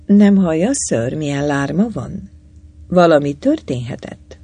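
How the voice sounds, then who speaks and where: A woman's voice: low voice, lively intonation, gravelly, warm tone, breathy edge, dry recording, full character voice. A narrator voicing an agitated young Englishwoman on a desert trek, in an audiobook.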